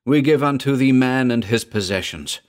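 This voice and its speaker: A man's voice: medium pitch, animated, moderate pace, pitched above the performer's own voice, natural voice. A man voicing a fanatical worm-worshipping priest who chants and declaims a litany in a dramatic horror-story reading. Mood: fervent.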